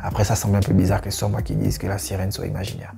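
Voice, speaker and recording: A man's voice: fairly low pitch, monotone, very fast, gravelly, dark tone, soft background music. A young man giving his opinion in a casual reaction vlog, talking straight to his viewers with lots of fillers. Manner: conversational, addresses viewers directly, many fillers. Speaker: YouTube reaction channel host.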